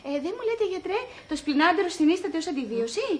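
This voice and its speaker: A woman's voice: very high voice, big pitch swings, a little hiss or hum. An actress playing a nosy, chatty woman neighbour with a prying, eager manner.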